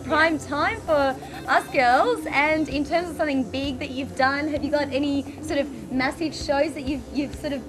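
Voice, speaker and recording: Woman, high bright voice, bubbly, event reporter, music behind. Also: normal speed, hardly any pauses. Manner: bubbly, laughs often. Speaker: fashion show reporter. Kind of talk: casual event interview.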